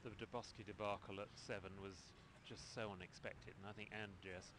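A man's voice: on the low side, fairly even intonation, a little fast. A man adding enthusiastic expert remarks as co-commentator at an equestrian event. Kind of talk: sports commentary. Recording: outdoor broadcast with crowd noise.

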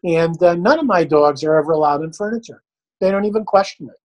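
A man's voice: fairly high pitch, quick pace, a little mellow, rough recording. An older man, a dog trainer, answering questions in a blunt, folksy, plain-spoken way.

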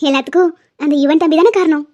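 Woman doing a doting old grandmother, high-pitched. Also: steady tone, fast, close to an everyday voice. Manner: warm, doting, affectionate. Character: kindly elderly grandmother, doting housekeeper. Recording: dull lo-fi sound.

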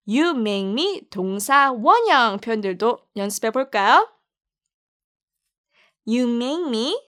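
A woman teaching English pronunciation, saying each phrase slowly and praising the learner warmly. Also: fairly high pitch. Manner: upbeat, praising, spelling out each word slowly. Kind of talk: slow pronunciation drill.

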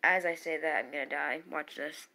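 A woman giving live commentary while playing a battle game, excitable and yelling at the screen. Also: sits low, moderate pace, creaky, slight background noise. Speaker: gamer playing online battles.

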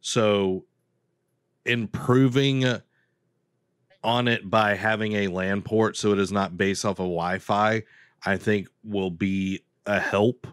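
Man in his thirties, low smooth voice, dry close headset sound, blunt opinionated co-host who hesitates with fillers. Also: fairly even intonation, slow pace, no echo. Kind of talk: casual gaming news chat. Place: home room with bookshelves. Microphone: video call headset.

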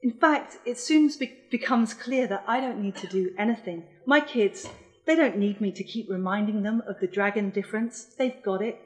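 Measured woman reading her essay aloud. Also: medium pitch, a little mellow, low-quality recording. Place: lecture hall.

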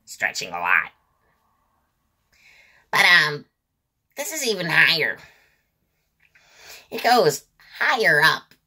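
A man putting on a squeaky helium voice, straining to stretch it ever higher. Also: huge pitch swings, takes it slowly, pauses often, bright, forceful tone, breathy edge, full character voice. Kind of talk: voice demonstration.

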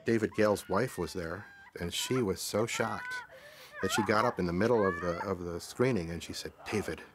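Deep-voiced man recalling a film. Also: lively intonation, moderate pace, noisy background. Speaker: director interviewee. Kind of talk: retrospective interview.

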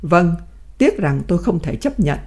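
A woman voicing a dignified old male prisoner who speaks in firm, measured sentences. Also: on the low side, big pitch swings, dark tone.

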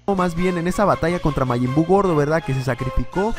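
A man hosting a reaction video, reading a fan comic aloud and acting out the characters' lines with shouts. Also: fairly high pitch, fast, over music. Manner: animated, acts out characters' lines with loud yells.

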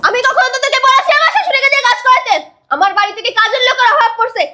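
A fiercely protective young wife, acted by a woman. She scolds fast and hard in a very high, bright, piercing voice. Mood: angry. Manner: scolding, forceful, insistent. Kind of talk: amateur drama acting.

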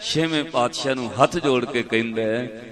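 A male preacher telling a religious story as an emotional sermon, swinging between hushed and loud, fervent passages. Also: mid-range voice, moderate pace. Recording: congregation audible behind.

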